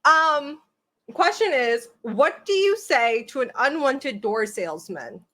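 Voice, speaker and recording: A woman with a high-pitched, expressive voice that sounds pushed and bright speaks slowly while hosting a casual podcast from a room at home. Recorded on a camera mic, she rambles, jokes, and pokes fun at herself.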